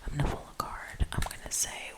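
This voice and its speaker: Lady esthetician doing whispered asmr, all breath no voice, rambly and chatty. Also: a little fast. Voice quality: unvoiced breathy whisper throughout. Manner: rambling, casual, lots of "like".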